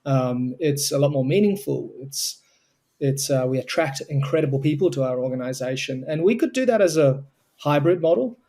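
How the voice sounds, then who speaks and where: A young Australian man, co-founder of a tech charity, answers questions as a guest in a remote interview, explaining his work earnestly and fluently. His voice is warm and expressive, with a medium pitch and a moderate pace.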